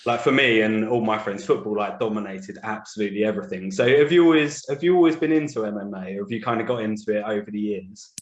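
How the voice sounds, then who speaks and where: A British man with a low voice hosts a casual interview, asking loose, chatty questions. His voice carries an echoey room sound. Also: fast, hardly any pauses, dull audio. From United Kingdom. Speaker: interview host.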